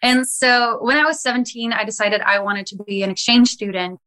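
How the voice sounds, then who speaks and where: A woman's voice: a little high, fairly even intonation, brisk, pushed and bright. A young woman from Sweden, a musician guest telling her story in a chatty, enthusiastic way. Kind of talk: casual interview talk.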